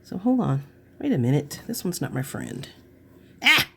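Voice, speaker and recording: Deep, gravelly and warm, her voice has a sing-song lilt and moves at a moderate pace, with slight background noise. She's a craft vlogger talking through a tutorial, chatty and gushing about her work, slipping into murmurs as she works.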